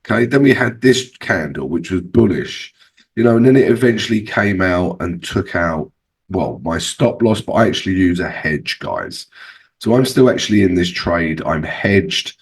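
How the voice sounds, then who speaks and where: A man's voice: low-pitched, expressive, moderate pace, recorded from a distance. A man with a sore, swollen-sounding throat hosting a casual trading tutorial, talking viewers through charts in a conversational way with frequent checking tags. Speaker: trading channel host and analyst.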